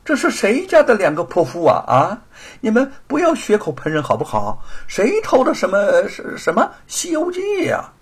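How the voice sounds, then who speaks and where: Guy doing a shrill scheming villain lady, husky, loud and mocking. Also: wildly swooping pitch, moderate pace, heavily acted. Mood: sneering. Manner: mocking, shrill, then cowering. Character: scheming sharp-tongued woman villain.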